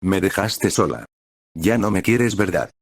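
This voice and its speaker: A man's voice: low-pitched, big pitch swings, measured pace, slightly rough, no room sound, clean studio sound, full character voice. A man voicing a tearful little filly pony girl in a storybook reading, speaking plaintively. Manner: sobbing, plaintive.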